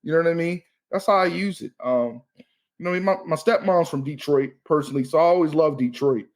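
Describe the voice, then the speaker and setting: A comedian in his thirties from Maryland guests on a podcast, talking loosely and casually and often saying "you know what I mean." His voice is fairly high and fairly quick.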